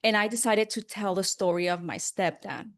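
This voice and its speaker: In an interview, a female broadcast journalist recounts personal stories casually and earnestly, leaning on key words. She speaks at a medium pitch and a normal speed, keeping things conversational.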